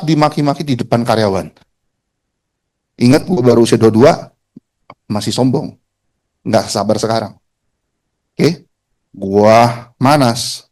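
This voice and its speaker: A man giving a talk to an audience, telling a personal story in casual slang and acting out the other people in it. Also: medium pitch. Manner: colloquial Jakarta slang, animated, mimics voices. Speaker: motivational speaker.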